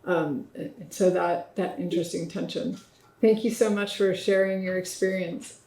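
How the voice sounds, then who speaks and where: A woman's voice: on the low side, steady tone, moderate pace, a little mellow. A middle-aged woman leading a workshop discussion, summarizing points and inviting comments from participants. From United States. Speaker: workshop facilitator. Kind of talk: moderating a group discussion. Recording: echoey room.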